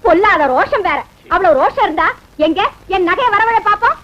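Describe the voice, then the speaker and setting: An actress voicing the scolding, nagging wife of a minister in a dubbed film. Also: female voice, expressive, fairly quick, a bit bright. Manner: scolding, shrill complaints. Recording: dull lo-fi film audio.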